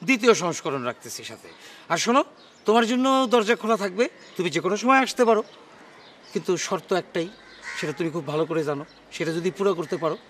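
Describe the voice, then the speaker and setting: A taunting, quick-talking club member. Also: male voice, high-pitched, fairly bright tone, slight background noise. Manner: taunting, sarcastic. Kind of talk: television drama acting.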